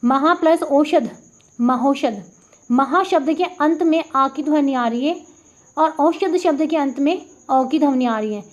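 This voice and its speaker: A woman with a Rajasthani Hindi accent teaches a grammar lesson, patiently breaking each example into its sounds and repeating them slowly. Her voice sits high. The recording is dull and lo-fi. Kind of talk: classroom lesson explaining examples. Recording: dull lo-fi audio.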